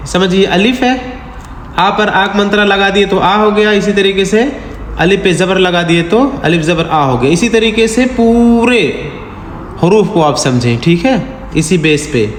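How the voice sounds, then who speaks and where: Slow, high-voiced man teaching in an echoey room. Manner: repeats sounds, asks rhetorical questions. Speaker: Quran teacher. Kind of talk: slow step-by-step lesson. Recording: echoey room with long reverb, faint hiss.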